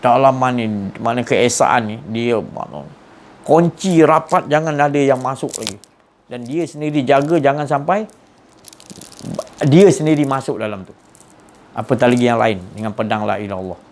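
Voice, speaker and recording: A man's voice: mid-range voice, moderate pace, darkish tone. A man giving an earnest religious lecture, often repeating and restarting words. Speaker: religious teacher.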